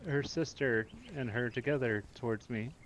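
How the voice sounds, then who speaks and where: A man's voice: mid-range voice, normal speed, slight background noise, low-quality recording. A man chatting in character during a role-play game, hesitant and stammering.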